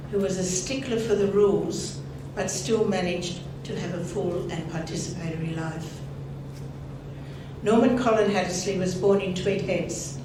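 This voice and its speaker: Lower-voiced older woman, heavily echoing eulogy. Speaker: eulogist at a family memorial. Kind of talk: scripted biographical eulogy. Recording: very echoey hall, distant mic, noisy.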